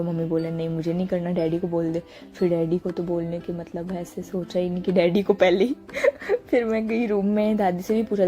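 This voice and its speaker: A young woman from India narrating a relaxed voice-over of her day at home, chatty and often pausing to search for a word. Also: mid-range voice. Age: young adult. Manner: chatty, searching for words, frequent laughs. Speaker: vlogger. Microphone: small handheld mic.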